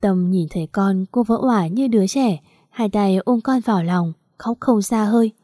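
Mellow-voiced woman narrating a story. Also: medium pitch, moderate pace, dry recording, studio quality. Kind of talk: scripted narration of a romance story.

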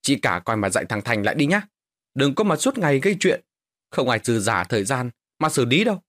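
A scornful second wife nags and sneers in a Vietnamese folk tale, put on by a male narrator. The voice sits a little low and bitter. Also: sing-song, brisk, fairly bright tone, dry recording, studio quality. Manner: scornful, nagging.

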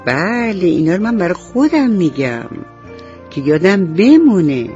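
Woman, bedtime storyteller, affectionate, dull lo-fi radio sound, soft music behind. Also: lowish voice, big pitch swings. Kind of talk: bedtime story narration for children. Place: radio studio.

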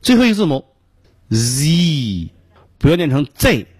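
A middle-aged man with a Beijing Mandarin accent gives a radio pronunciation lesson, explaining slowly and repeating each sound he demonstrates. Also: sits high, very animated, darkish tone, dry recording. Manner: frequent filler particles between phrases. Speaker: English pronunciation teacher.

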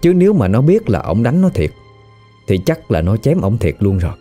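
A man with a Southern Vietnamese accent telling a story in casual spoken style, colloquial and lively, rising at tense moments. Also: fairly low pitch, normal speed, faint music behind.

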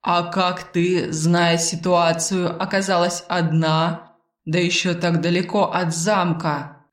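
A woman plays a bodiless male spirit who teases in a soft, purring baritone, drawing out every word very slowly and sitting low in her range. The voice rings in a roomy, echoing space, as in an audiobook. He sounds sly and unhurried. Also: flat delivery, distant mic. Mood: teasing. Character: teasing disembodied male sleeper spirit with a tail. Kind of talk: audiobook character voice. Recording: roomy echo.

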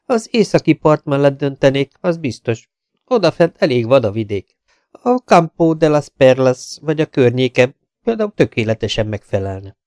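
A serious, responsible meteorologist, as read by a male audiobook narrator. He talks in a measured, quietly earnest way, with an ordinary pitch and a dry, close sound. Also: sing-song, no room sound, natural voice. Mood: grave. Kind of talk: audiobook character reading.

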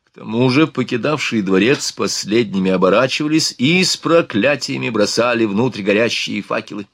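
A man narrating an audiobook in a steady, expressive reading. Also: mid-range voice, normal speed, gravelly, no room sound, studio quality. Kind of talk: scripted narration.

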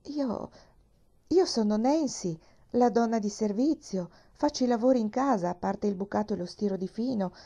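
A woman's voice: fairly high pitch, moderate pace, dark tone, dull audio. A woman voicing a flustered young housemaid who stammers and hesitates.

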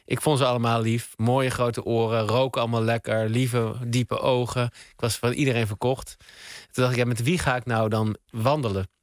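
A man, a guest on a radio interview, telling a rambling story in a relaxed, meandering way with many fillers, at a studio microphone. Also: mid-range voice, normal speed, dry recording. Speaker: guest, spoken word artist.

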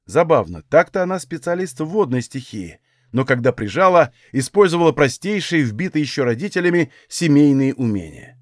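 A man reads a fantasy audiobook in a steady storytelling voice that sits a little high. The recording is dry and close, with no room sound. He keeps a measured reading pace. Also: no room sound. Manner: even storytelling, acts out dialogue. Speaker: audiobook narrator.

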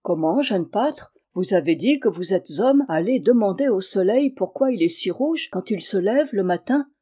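A woman's voice: mid-range voice, lively intonation, normal speed, dark tone, slightly rough. A woman reading aloud and voicing a stern king who gives commands in a raised voice.

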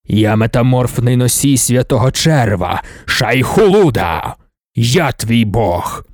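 A man voicing an ancient, imperious male god-emperor in an audiobook, speaking in a slow, measured, commanding way. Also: medium pitch, lively intonation, no room sound, studio quality, pitched below the performer's own voice. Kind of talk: audiobook character voice.

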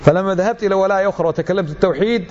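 A man's voice: high-pitched, rapid-fire, darkish tone, highs cut off, slight background noise. A middle-aged man giving an emphatic religious lecture, full of rhetorical questions.

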